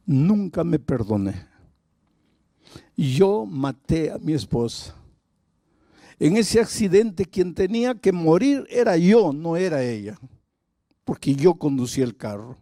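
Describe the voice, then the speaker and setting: A man's voice: on the high side, dark tone, dry recording, studio quality, heavily acted. A pastor retelling a guilt-ridden former drunk man. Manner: confessional, heavy with guilt. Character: grieving middle-aged man, remorseful former drunk.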